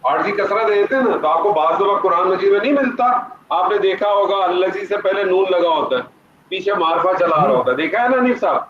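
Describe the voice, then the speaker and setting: Male grammar teacher over a video call, high voice, echoey muffled audio, patient and probing. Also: a little hiss or hum. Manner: patient, questioning students by name. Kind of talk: online class teaching.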